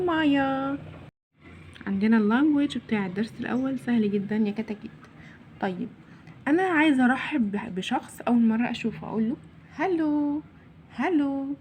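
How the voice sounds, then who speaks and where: An Egyptian woman with a fairly high voice teaches young children English. She is cheerful and drills each word slowly, over and over. A faint hiss sits under her voice. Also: dark tone. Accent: Egyptian Arabic. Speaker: English teacher for first-year pupils.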